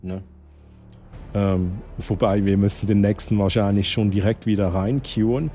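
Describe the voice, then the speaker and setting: A man's voice: fairly low pitch, steady tone, measured pace, warm tone, faint music behind. A young man from Switzerland with a Swiss German accent, chatting casually to his chat while gaming, often dropping English exclamations. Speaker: streamer.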